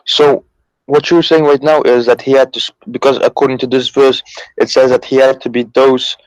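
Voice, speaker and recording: A man's voice: medium pitch, little pitch movement, dry recording, lo-fi sound. A man from Turkey calling in to a debate, speaking hesitantly with many halts. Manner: hesitant, halting. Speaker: caller.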